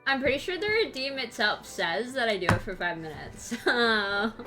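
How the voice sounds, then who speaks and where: A woman's voice: on the high side, big pitch swings, normal speed, pushed and bright, soft background music. A woman streamer putting on a Valley Girl accent, dropping "like" and "totally" all through her talk. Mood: breezy. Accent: Valley Girl put-on accent. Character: bubbly Valley Girl woman, young adult. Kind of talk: streamer doing a viewer-redeemed voice bit.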